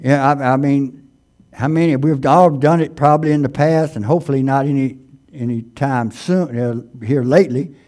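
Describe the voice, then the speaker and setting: A man preaching a sermon, reading scripture slowly and emphatically, asking the congregation questions, often restarting and stammering. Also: medium pitch, a little mellow. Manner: stammering, with many restarts and fillers.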